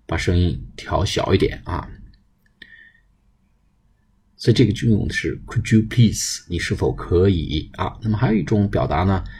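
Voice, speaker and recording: Low husky man teaching English. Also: darkish tone. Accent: Chinese. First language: Mandarin Chinese. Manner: slow spelled-out English examples. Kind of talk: bilingual English lesson.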